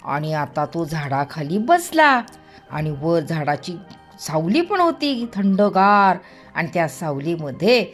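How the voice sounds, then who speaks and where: A woman narrates a story for small children over background music, drawing out words and repeating them to stress them. Her voice is lowish and sing-song, and she takes her time.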